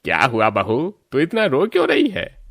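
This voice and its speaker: A man voicing a gentle, kind middle-aged father-in-law in a cartoon story, soothing and reassuring. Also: medium pitch, wildly swooping pitch, normal speed, vocal fry, husky, heavily acted.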